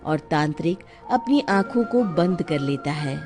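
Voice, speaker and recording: A woman's voice: deep voice, lively intonation, measured pace, over music. A woman narrating a scripted story as its storyteller.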